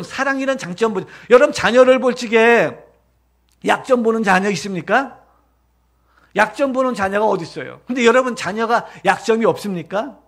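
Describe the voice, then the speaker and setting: A middle-aged man preaching a Sunday sermon as pastor, animated and joking, often mimicking other people's voices. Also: sits high. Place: church sanctuary.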